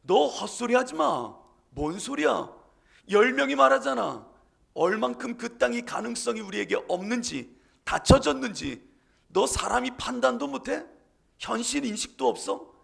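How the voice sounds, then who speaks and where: A man voicing an angry crowd of ancient Israelite men who shout and mock their leaders. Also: extremely high pitch, big pitch swings, normal speed, gravelly, husky, pitched above the performer's own voice, full character voice. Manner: accusing, shouting, mocking.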